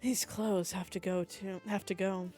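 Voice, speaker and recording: A woman voicing a commanding, seductive aristocratic woman professor in a dating-sim game, speaking low, measured and composed. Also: steady tone, darkish tone, soft background music, lightly acted.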